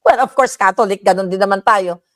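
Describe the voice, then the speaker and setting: A woman's voice: medium pitch, a little fast, fairly bright tone. A woman giving heated reaction commentary, ranting with frequent profanity and switching into English. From Philippines.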